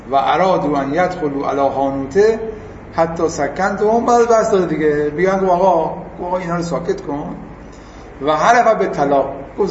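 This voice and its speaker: A man giving a casual religious lesson. He reads Arabic text slowly, then explains it in everyday speech and acts out the people he quotes. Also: fairly high pitch, slight background noise. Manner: acts out the quoted speakers in lively asides. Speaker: religious teacher. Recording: roomy, distant and dull.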